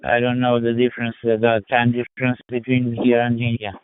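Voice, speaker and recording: A man's voice: mid-range voice, completely flat delivery, a little fast, clear, resonant tone, dry recording. A man from Portugal talking in a chatty, hesitant way during a casual amateur radio contact, heard over ham radio with static. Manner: chatty, friendly, many hesitations. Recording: narrow phone-like radio audio.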